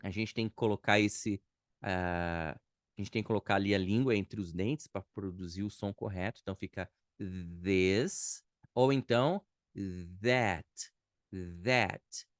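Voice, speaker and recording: Patient male teacher, slow and dry. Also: on the low side, dry recording. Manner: patient, repeats model words slowly for pronunciation. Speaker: English teacher. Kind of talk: beginner English lesson.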